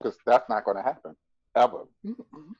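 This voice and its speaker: An American podcast guest in his thirties talks at a moderate pace in a medium-pitched, very animated voice with a breathy edge and no echo. He's at home on a video call using his phone's front camera, so the sound is dry and slightly dull. The candid interview finds him blunt, emphatic, profane, and quick with sarcastic retorts.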